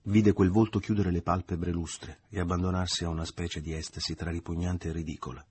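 Male audiobook reader, very deep and husky, measured literary narration. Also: level tone, darkish tone.

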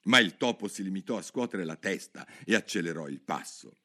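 A man narrating a storybook in an expressive, measured way. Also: low-pitched. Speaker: audiobook narrator.

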